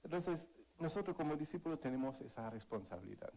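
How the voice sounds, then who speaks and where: A man's voice: a little high, expressive, fast talker, dark tone, low-quality recording. Earnest man preaching a sermon. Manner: earnest, calls for amens, tells a story. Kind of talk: sermon with personal testimony.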